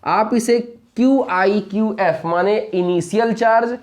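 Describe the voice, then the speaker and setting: A man's voice: high voice, a little slow, darkish tone. Man teaching, quizzing himself aloud. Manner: asks rhetorical questions then answers them; repeats key points, checks understanding often. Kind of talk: explaining a physics lesson.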